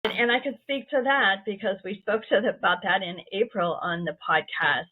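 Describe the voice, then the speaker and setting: A woman's voice: mid-range voice, fairly quick, husky. A woman podcast host and coach, speaking in an affirming, encouraging way in a casual interview. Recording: tinny phone-like line.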